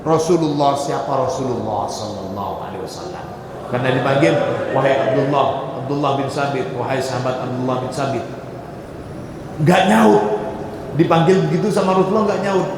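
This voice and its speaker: A man's voice: a little high, a little fast, noisy background. A man teaching a religious book-study lesson, reading Arabic phrases and then explaining them in casual everyday speech. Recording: echoey hall with faint ambience.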